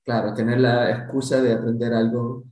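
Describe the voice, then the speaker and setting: A man from Chile, a guest consultant talking in a casual interview, animated and talkative. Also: mid-range voice, normal speed, roomy sound. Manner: animated, talkative, many restarts. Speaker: guest, SAP SuccessFactors consultant.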